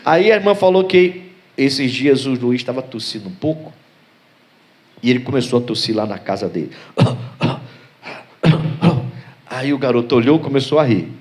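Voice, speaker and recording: A man's voice: medium pitch, animated, brisk, darkish tone. A man, a pastor preaching a sermon, telling stories and asking his congregation rhetorical questions. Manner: storytelling with acted voices and rhetorical questions.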